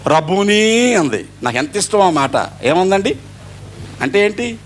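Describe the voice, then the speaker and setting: A man's voice: sits high, very animated, normal speed, slight background noise. A middle-aged male pastor preaching an Easter sermon, acting out dialogue as he goes.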